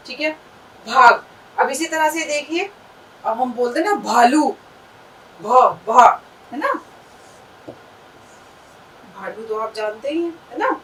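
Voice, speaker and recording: A woman with a high voice gives an Urdu lesson, patiently sounding out letters and words. She draws out each sound and checks in with her listeners. She sounds a little distant from the microphone. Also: lively intonation, slow pace, long pauses, fairly bright tone, slight background noise. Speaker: Urdu teacher. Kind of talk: language lesson.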